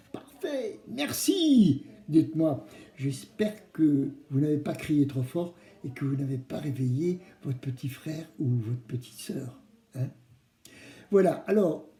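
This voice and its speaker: With a slightly high voice and a dark tone, a children's craft show host gently coaxes young viewers through simple explanations and questions. The recording has the echo of a roomy space.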